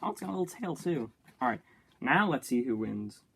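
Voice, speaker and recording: Chatty, excitable young man. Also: mid-range voice, brisk, creaky, slight background noise. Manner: chatty self-talk, easily excited, jokey. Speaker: YouTuber. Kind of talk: casual build-and-play commentary.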